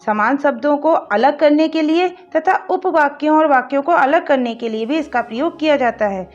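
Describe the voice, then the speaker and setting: A woman teaching a grammar lesson, explaining each point and reading example sentences slowly and deliberately. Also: high-pitched. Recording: dull lo-fi sound with faint music behind.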